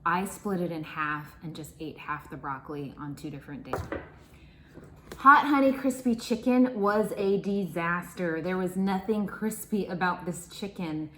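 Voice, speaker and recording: A woman's voice: fairly low pitch, measured pace, a bit bright, echoey room, a little hiss or hum, low-quality recording. A woman chatting casually and self-deprecatingly as she cooks and tastes food in her home kitchen. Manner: self-deprecating, chatty, talks while eating. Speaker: vlogger cooking at home. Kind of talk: casual cook-with-me vlog.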